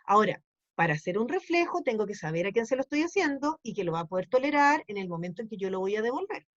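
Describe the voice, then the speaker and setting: A woman's voice: mid-range voice, sing-song, fast, dry recording, lo-fi sound. A woman teaching a class, explaining patiently and checking in often with questions. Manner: explanatory, asks ¿sí? to check understanding.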